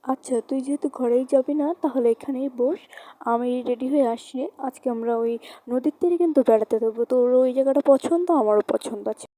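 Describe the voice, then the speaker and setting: A woman's voice: high voice, moderate pace, warm tone, close to an everyday voice. A woman playing a nervous young woman who frightens easily, in an amateur horror audio drama. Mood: casual. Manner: fearful and pleading.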